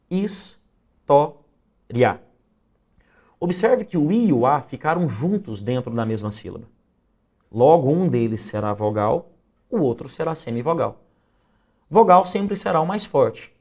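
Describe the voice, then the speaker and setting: A middle-aged man with a Brazilian accent leads an exam review lesson. His voice sits at an ordinary mid pitch. He works through the rules methodically and walks through each example in turn. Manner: methodical, explaining step by step with examples. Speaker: teacher.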